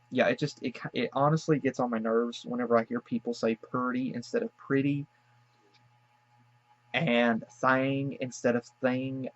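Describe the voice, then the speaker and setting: A man from the Southern United States hosting a casual cartoon reaction, talking in a hesitant, musing way with lots of fillers and apologetic asides. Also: mid-range voice. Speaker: cartoon reaction channel host. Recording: dull lo-fi dry recording.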